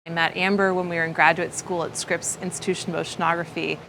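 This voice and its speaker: A woman's voice: fairly low pitch, level tone, fast talker, vocal fry, background noise. A woman telling her experiences as a marine consultant in a documentary interview. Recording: prominent music bed under speech.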